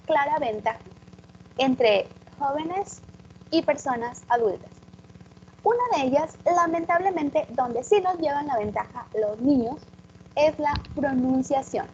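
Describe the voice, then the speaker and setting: A woman's voice: high voice, a little mellow, muffled recording, slight background noise. A woman, an English teacher giving a public talk and explaining things directly to her audience.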